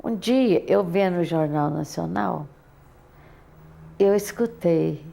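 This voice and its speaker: An older woman with a Brazilian accent recalls her daughter in an oral history interview, halting and often repeating words. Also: fairly low pitch, gravelly, over music.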